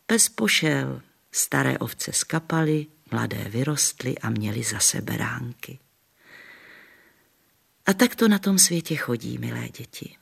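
A man's voice: mid-range voice, expressive, creaky, fairly bright tone, breathy edge, exaggerated voice. A man voicing a kindly old grandmother who tells folk tales to children in a homely, patient way. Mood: storytelling. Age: older. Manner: homely, patient storytelling with folksy sayings. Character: kindly old grandmother, gentle village storyteller.

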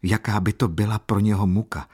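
A man voicing a gentle, tearful young woman who talks in a trembling, pleading way. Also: on the low side, fairly even intonation, husky. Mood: anxious.

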